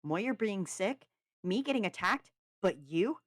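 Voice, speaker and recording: A woman reading aloud and voicing an angry young man who shouts accusations at his brother. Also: low voice, moderate pace, dry recording, natural voice. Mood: furious.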